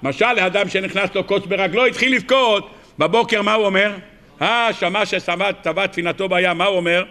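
Bright, high-voiced rabbi preaching. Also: male voice. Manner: animated, asks the audience rhetorical questions; acts out characters with sudden high cries. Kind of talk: weekly Torah sermon.

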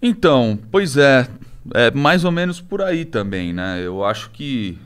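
A young Brazilian man with a Brazilian Portuguese accent, a podcast guest talking casually and haltingly with many restarts. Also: medium pitch, very animated, fairly bright tone, clear, resonant tone. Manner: hesitant, many restarts and fillers. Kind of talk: casual interview talk.

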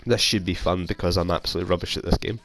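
A young man from Scotland who has a cold talks very fast in a deep, steady, slightly bright voice, with faint music behind him. As a gaming YouTuber, he rambles casually and mocks himself while offering gameplay commentary into a console headset mic.

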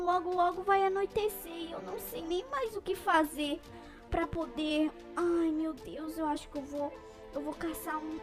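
A woman narrating a game in first person as the character she plays, dramatic and emotional. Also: very high voice. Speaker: game role-player.

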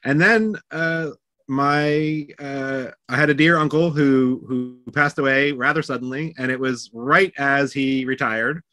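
A man's voice: medium pitch, measured pace, sharp tone, dry recording. A man in his forties, a guest on a home video call, talking in an easygoing, rambling way with restarts. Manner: rambling, self-correcting, easygoing. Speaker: interview guest. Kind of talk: casual video-call interview. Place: home room, indoors. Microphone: video call webcam.

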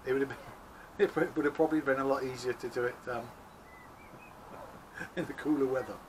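An allotment vlogger chats casually to a handheld camera held close to his face, standing by a shed in an outdoor allotment garden. Chatty and self-mocking, he jokes about himself and laughs at his own expense. His mid-range voice is steady and fairly quick, with a little hiss or hum in the audio.

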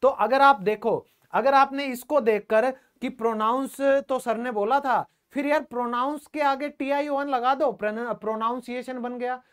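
A man's voice: extremely high pitch, fairly even intonation, measured pace, hardly any pauses, a bit bright, smooth. A man teaching English in an online classroom lesson. He asks the class questions, answers them himself, and repeats the key words. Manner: calls the viewers "friends" often and repeats key words.

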